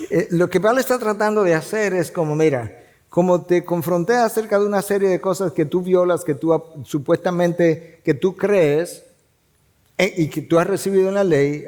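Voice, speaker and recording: A man's voice: fairly high pitch, darkish tone. A middle-aged male pastor preaching a sermon, teaching through pointed rhetorical questions.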